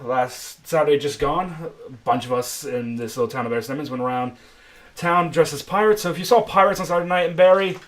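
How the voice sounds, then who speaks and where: A man, hosting and narrating a tabletop role-playing game in a chatty way, with laughs between sentences. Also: mid-range voice. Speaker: game master.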